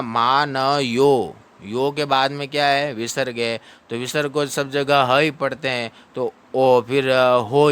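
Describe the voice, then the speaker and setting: Man, Sanskrit recitation lesson, slow drawn-out chanting, smooth clear voice. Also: medium pitch, a bit bright. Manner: drawn-out syllable-by-syllable chanting between brisk explanations. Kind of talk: patient pronunciation lesson.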